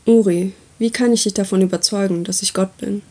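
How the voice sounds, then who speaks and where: Calm lecturing god, as a woman reads him. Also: mid-range voice, lightly acted. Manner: calm, unhurried, explaining. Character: calm, lecturing male god, patient and wry.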